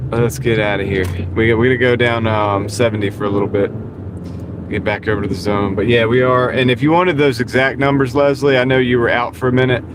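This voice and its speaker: Inside a car on the road, a man livestreams while driving for deliveries, chatting casually with viewers, greeting people and chuckling often. His mid-range voice is brisk with fairly even intonation. A small wireless clip-on mic picks him up, with car road noise in the background.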